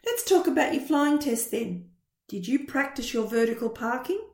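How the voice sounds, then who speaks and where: A bright, chatty schoolboy, as a woman reader puts him on, good-natured and eager, with a raised, lively pitch and a loud delivery. The storybook voice carries the echo of a roomy space. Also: moderate pace, far from the mic. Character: cheerful chatty schoolboy, talkative friend.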